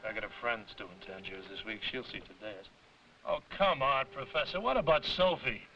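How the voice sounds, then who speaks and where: A man's voice: mid-range voice, normal speed, noisy background, lightly acted. An actor playing a brash, blunt, pushy man in an old film drama. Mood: insistent. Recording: distant dull film soundtrack with music.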